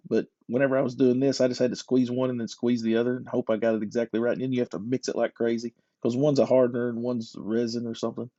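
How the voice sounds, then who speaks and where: A man's voice: medium pitch, mellow, dry recording. A man talking through a lure-carving tutorial in a casual, self-deprecating, joking way, recorded with slightly dull lo-fi audio. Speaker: hobby lure carver.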